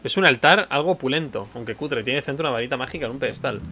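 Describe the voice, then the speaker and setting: A man hosting a gaming channel, casually reading a text adventure aloud in a brisk manner. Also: mid-range voice, lively intonation, bright, forceful tone, a little hiss or hum.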